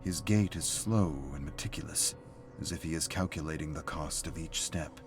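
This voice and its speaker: Soft music plays behind a man with a very deep, low voice as he reads a scripted story aloud. He narrates like a prose reader at a moderate pace.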